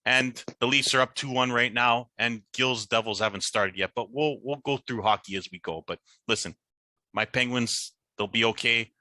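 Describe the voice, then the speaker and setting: A man hosting a casual sports picks podcast, talking in an animated way with a lot of teasing trash talk. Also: mid-range voice, normal speed, no echo. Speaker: podcast host.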